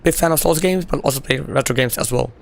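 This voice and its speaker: Talking fast in a creaky, medium-pitched voice, this man live-streams a game while his voice gives out. He keeps up relaxed banter with his audience, laughing frequently and leaning on "you know" as filler.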